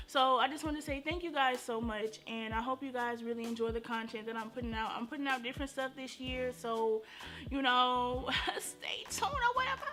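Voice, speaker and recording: A young woman with a fairly high voice talks through a makeup review like she is chatting with friends. Her speech carries a slight lisp from a retainer she is wearing. She is playful, slangy and a little sassy, with music clearly playing behind her. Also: a bit bright. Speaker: beauty vlogger. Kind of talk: casual chatty first-impression makeup review. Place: indoors at home.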